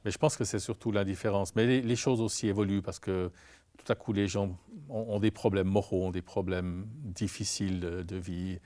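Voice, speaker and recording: A man's voice: deep voice, steady tone, normal speed, dark tone. A man speaking as a guest in a studio interview, earnest and hesitant, often repeating words as he talks.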